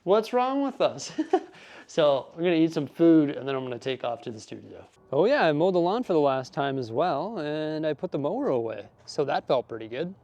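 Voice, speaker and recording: Man, casual vlog chat, upbeat and rambling, fairly high voice, handheld camera. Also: expressive, a little fast, a little mellow. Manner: chatty, upbeat, rambling asides. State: out of breath. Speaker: vlogger. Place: garage and studio, indoors.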